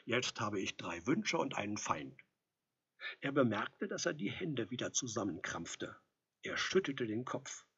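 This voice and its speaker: A man narrating an audiobook in an expressive, lively storytelling manner. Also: medium pitch, breathy edge. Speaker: audiobook reader. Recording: dull lo-fi recording.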